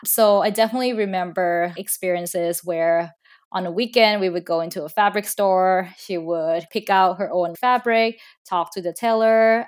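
Relaxed woman from Thailand, low voice. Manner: thoughtful, relaxed, with fillers like "you know" and "like". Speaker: podcast guest, fashion brand founder. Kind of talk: casual interview conversation.

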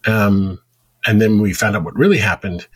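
Husky low-ish guy hosting a podcast, rambles through stories. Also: normal speed. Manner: rambling anecdotal storyteller. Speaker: podcast host. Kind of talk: casual podcast chat.

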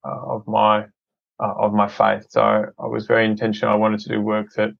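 This Adelaide-born Australian man, head of a film company, is a podcast guest with a fairly low, gravelly voice and a completely flat, brisk delivery. The recording has no room sound and cut-off highs. He talks earnestly in a casual interview style, frequently restarting and repeating words.

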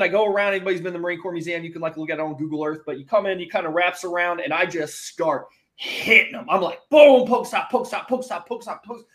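A man telling a funny story as a podcast guest, animated and self-mocking, swinging between hushed and loud. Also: fairly high pitch. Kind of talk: comic storytelling.

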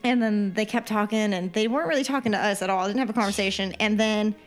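A podcast co-host tells a story in a casual chat, bringing it to life by performing the voices of the people she quotes. She has a medium-pitched voice and a quick pace, and faint music plays behind her.

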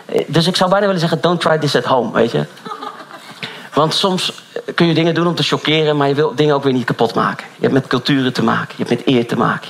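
Animated gravelly male preacher. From Netherlands. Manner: animated, storytelling, voice rising high in excitement. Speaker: pastor. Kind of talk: preaching with personal stories.

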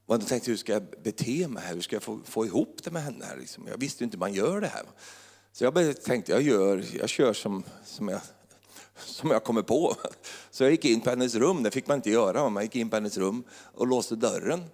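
Middle-aged guy preaching, jokey storytelling, church hall reverb. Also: fairly low pitch. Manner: storytelling, chuckling, rising to excited praise. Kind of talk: humorous sermon testimony.

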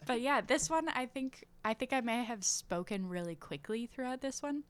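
Smooth-voiced woman in casual chat. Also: fairly high pitch, animated. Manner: easygoing, quick to agree. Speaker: podcast co-host.

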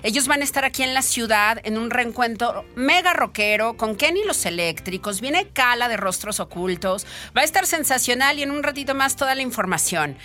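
A Mexican woman hosts a radio show in a bright, forceful, fairly high voice. She presents and interviews in a studio, with music running behind her. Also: animated, fairly quick, hardly any pauses. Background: background music.

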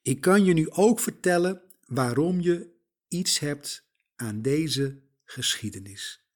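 A man preaching a sermon, slow and emphatic, putting rhetorical questions straight to the listener. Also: on the high side, lively intonation.

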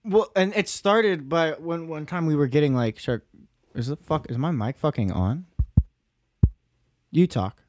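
A man's voice: a little high, expressive, a little slow, long pauses, a little mellow, no echo, clean studio sound. A man co-hosting a podcast, chatting loosely with swearing and joking asides. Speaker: podcast co-host. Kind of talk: casual chat.

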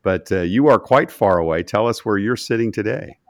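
A man's voice: fairly low pitch, animated, normal speed, dry recording, clean studio sound. A man hosting an interview podcast, speaking as a presenter and interviewer. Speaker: podcast host. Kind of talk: scripted intro and interview chat.

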